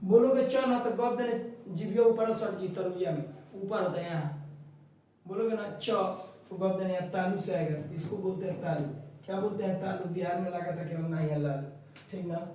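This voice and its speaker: A high-voiced man runs an exam-prep grammar lesson. He keeps it chatty and jokey, repeating points and firing quick questions at the class. He is heard in a very echoey room, some way off the mic. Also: warm tone, distant mic, slight background noise. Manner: chatty, jokey, repeats and quizzes students, calls them "babu". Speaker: teacher.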